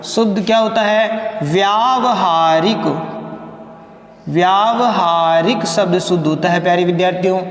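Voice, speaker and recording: A male lecturer with a fairly high voice talks students through a grammar lesson. He repeats each word slowly and keeps checking that the class follows. The recording rings with a long, roomy echo. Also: steady tone. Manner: patient, repeats words slowly with many check-ins. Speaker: college Hindi lecturer. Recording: echoey room with long reverb.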